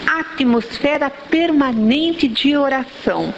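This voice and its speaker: A Brazilian woman with a high voice speaks slowly, delivering a spiritist religious lecture in Brazilian Portuguese. She explains things in a teaching manner and checks in with her audience through rhetorical questions. The audio is dull and lo-fi, with faint background noise.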